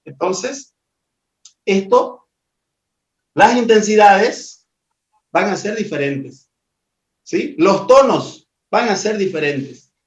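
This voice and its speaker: A man's voice: high-pitched, lively intonation, slow, pauses often. A man teaching a live webinar on presentation skills, in a didactic manner full of rhetorical questions. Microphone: video call. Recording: echoey, distant, dull audio.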